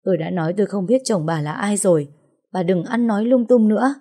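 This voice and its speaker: A woman's voice: medium pitch, lively intonation, fast, mellow. A woman narrator voicing a young woman defending herself sharply in an audiobook story. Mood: defensive. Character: young woman accused, defiant and frightened.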